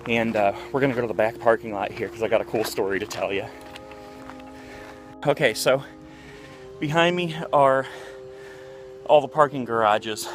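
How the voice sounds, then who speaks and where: Rambling man telling stories. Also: mid-range voice. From Ohio, USA. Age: 40s. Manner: candid, rambling, with many fillers. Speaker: vlogger. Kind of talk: casual storytelling vlog. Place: outdoors, walking through a neighborhood near a park.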